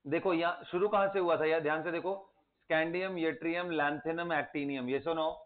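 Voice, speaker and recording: A man's voice: a little high, fairly even intonation, a little fast. A man teaching a chemistry lesson, quizzing his students and coaxing them to recite element names. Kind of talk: classroom lecture. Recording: tinny phone-like audio.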